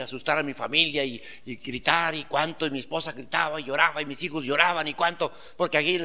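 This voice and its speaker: A man preaching a sermon as pastor, swinging from loud emphatic declarations to quiet asides and putting rhetorical questions to the congregation. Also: on the high side.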